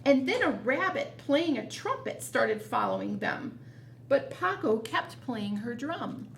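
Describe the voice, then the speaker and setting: Very animated and a little slow, a storytime reader with a creaky, high-leaning voice reads a picture book to children. She reads expressively and adds chatty asides, while the room echoes and background noise is noticeable.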